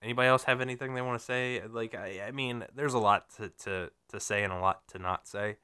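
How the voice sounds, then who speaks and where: Speaking fairly quickly, this man has a medium pitch and a bright, forceful, clean sound. He's hosting a laid-back gaming podcast full of profanity, rambling, fillers and false starts, and he sounds slightly nasal and sniffly from a cold.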